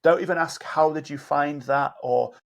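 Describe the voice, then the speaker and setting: A man's voice: on the high side, moderate pace, creaky, lo-fi sound. A man talking on a podcast as a guest coach, telling stories and acting out both sides of a conversation. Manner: animated storyteller, acts out dialogue.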